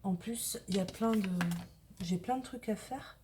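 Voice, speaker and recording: A woman's voice: medium pitch, moderate pace, noisy background. A woman from northern France, chatting casually to viewers as she shows a craft project step by step. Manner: chatty, talks to viewers while working with her hands. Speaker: craft tutorial host. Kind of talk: casual craft tutorial narration.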